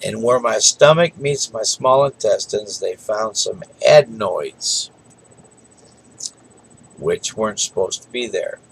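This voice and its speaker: A man's voice: fairly low pitch, slow, creaky, slight background noise, low-quality recording. A tired middle-aged man talking casually in a rambling, folksy way late at night. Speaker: vlogger.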